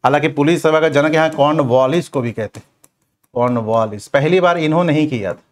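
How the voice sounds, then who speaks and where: An exam coaching teacher runs a question-and-answer revision lecture, instructing clearly and repeating check phrases often. His voice is a little high and brisk.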